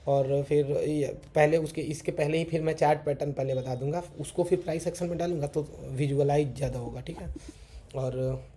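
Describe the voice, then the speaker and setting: Over faint background noise, a man with a warm, fairly high voice explains charts in a relaxed screen-share session, speaking a little fast with fairly even intonation. He works through examples step by step, sketching on the charts and dropping "theek hai" again and again.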